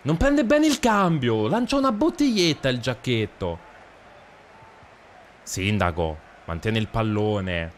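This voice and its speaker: Young guy, gaming streamer, unhurried but all over the place in pitch, mock commentator. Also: very animated, slight background noise. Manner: jokey, swings between mumbled asides and pitched-up mock commentary.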